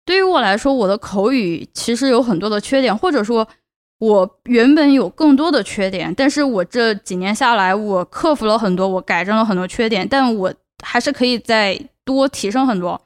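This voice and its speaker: A young woman from Chongqing, China, hosting a casual solo podcast in a fairly high voice. She talks earnestly and gives advice. She drives points home by repeating words. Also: animated, moderate pace. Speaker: podcast host.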